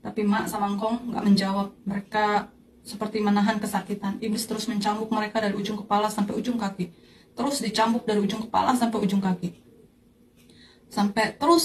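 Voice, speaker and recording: A woman telling a personal faith testimony in a slow, earnest way, recounting a vision. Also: mid-range voice, fairly even intonation, slight background noise, poor audio. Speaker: church testimony speaker.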